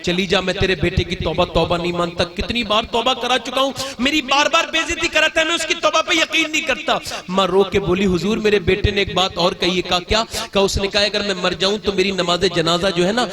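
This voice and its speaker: Male sermon preacher, high-pitched, dramatic story voices, rises to fervent shouts before a large gathering. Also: brisk. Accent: Indian Urdu-Hindi. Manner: acts out story voices, rising to impassioned shouting. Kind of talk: emotional religious storytelling sermon. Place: religious gathering before a crowd. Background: crowd.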